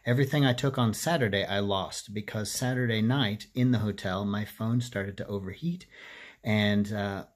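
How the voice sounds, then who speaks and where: A man's voice: on the low side, normal speed. A middle-aged man recording a casual personal vlog on a handheld phone, rambling and self-deprecating as he talks. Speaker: running vlogger. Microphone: phone at arm's length.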